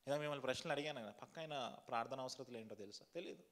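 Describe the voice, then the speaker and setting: A pastor delivers a sermon in a church hall, asking his congregation questions and leading fervent, repetitive prayer. He speaks at a racing pace in a medium-pitched, slightly bright voice, with a long reverb tail trailing his words.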